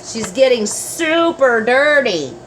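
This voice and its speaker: A woman's voice: fairly high pitch, a little hiss or hum, low-quality recording. An older woman with a grandmotherly manner reads a children's story aloud expressively, with asides to the little ones. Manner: grandmotherly, slow and expressive, addressing small children. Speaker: grandmother reading to her grandchildren.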